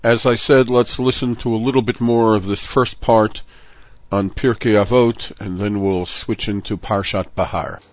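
A man's voice: fairly low pitch, steady tone, normal speed. A man giving a recorded Torah class in a conversational, digressive way, telling jokes along the way. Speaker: Torah teacher. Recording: dull lo-fi audio with faint hiss.

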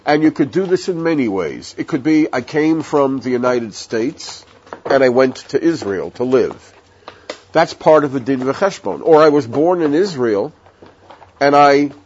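A man's voice: on the high side, animated, a little slow, a little mellow. Guy giving a torah class, chatty and rambling, muffled lo-fi audio with a bit of hiss. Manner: conversational, digressive, tells jokes. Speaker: Torah teacher. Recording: dull lo-fi audio with faint hiss.

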